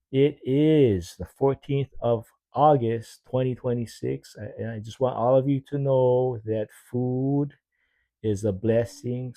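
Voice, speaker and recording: A man's voice: mid-range voice, mellow, no echo. Folksy chatty man in his sixties. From Hawaii. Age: 60s. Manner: folksy, chatty, talks straight to listeners. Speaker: chef and podcast host. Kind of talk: casual rambling monologue.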